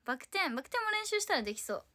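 In a very high, sing-song voice that's bright and forceful, she talks very fast. The speaker is a woman in her twenties from Tokyo who hosts a casual solo idol livestream, responding playfully to comments from viewers.

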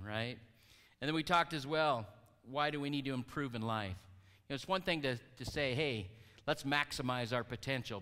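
A man's voice: mid-range voice, sharp tone, smooth. Guy preaching in a church hall, chatty, keeps asking the crowd stuff, big reverb. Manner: conversational, asks the congregation questions. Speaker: pastor. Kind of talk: sermon.

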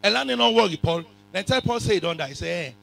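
A man with a West African accent preaching a sermon in a raspy voice, forcefully repeating phrases and questioning his congregation, sometimes in pidgin. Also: high-pitched, lively intonation, fast. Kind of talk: animated sermon, code-switching into pidgin. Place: church hall full of congregation.

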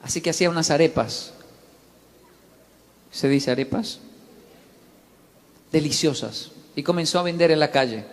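Male preacher, lively storyteller who plays every character, long reverb of a large hall. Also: a little high, moderate pace, pauses often. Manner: animated, voices the story's characters, calls audience to repeat. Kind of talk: sermon with acted-out story.

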